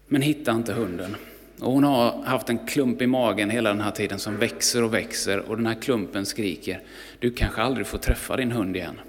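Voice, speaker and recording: A man preaching a sermon to a congregation, telling a story slowly and calmly with pauses. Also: on the low side, in a large hall. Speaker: pastor.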